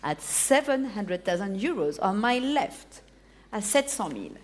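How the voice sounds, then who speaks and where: A woman's voice: medium pitch, big pitch swings, measured pace. A woman auctioneer with a French accent, a native French speaker, calling bids live, repeating figures and prompting bidders by name.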